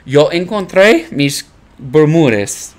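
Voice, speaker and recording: A man whose first language is English tells a story in casual talk, pausing to search for words and slipping in English ones. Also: a little high, expressive, over a noisy crowd. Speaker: Spanish learner telling a story.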